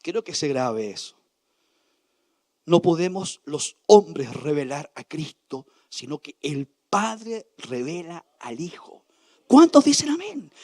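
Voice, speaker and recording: A man preaching a sermon as pastor, asking the congregation questions and swinging from loud declarations to hushed near-whispers. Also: fairly high pitch, expressive, slow pace. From Chile.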